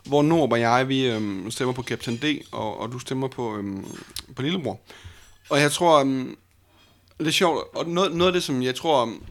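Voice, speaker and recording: A man's voice: mid-range voice, fairly bright tone. A young man co-hosting a podcast, talking casually with many fillers and restarts. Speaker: podcast co-host and battle judge.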